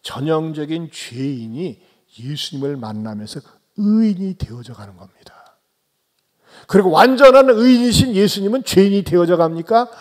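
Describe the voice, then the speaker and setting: A male pastor with a high-pitched voice delivers a Sunday sermon. He questions his listeners and calls on them directly, dropping to hushed, low remarks before rising into loud, urgent exhortation. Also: lively intonation, moderate pace. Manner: swings between soft low asides and loud raised exhortations; questions and addresses the congregation directly.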